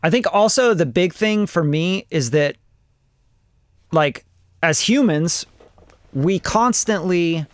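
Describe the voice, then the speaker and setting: A man in his forties from Costa Rica, a music producer, reviews songs on a livestream, chatting casually in a rambling, blunt way full of swearing. His voice is high-pitched and expressive, moving at a slow pace with long pauses, and there's no room sound.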